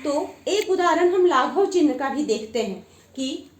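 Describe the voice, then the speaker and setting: A woman teacher explaining a grammar lesson, slowly and with many repetitions. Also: high voice, lively intonation, roomy sound, a little hiss or hum.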